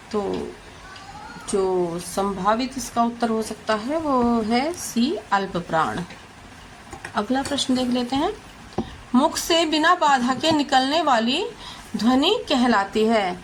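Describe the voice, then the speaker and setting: A woman teacher working through exam questions one by one, repeating each answer and pausing often. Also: on the high side, a little hiss or hum, poor audio. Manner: slow, deliberate, repeats answers with frequent hesitations. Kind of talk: exam question walkthrough lesson.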